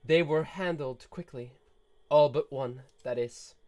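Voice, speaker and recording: A haughty snake-woman noble with a tragic past, speaking slowly and solemnly, as a man reads her lines. The voice sits a little high. She stays aloof. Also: darkish tone, lightly acted. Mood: wistful. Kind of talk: reading game dialogue aloud.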